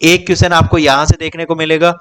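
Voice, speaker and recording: A man's voice: on the high side, little pitch movement, quick pace, noisy background. A young man teaching exam topics in a casual lecture, repeating points and calling viewers "bhai" as he lists and counts. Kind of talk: casual Hindi-English exam coaching lecture.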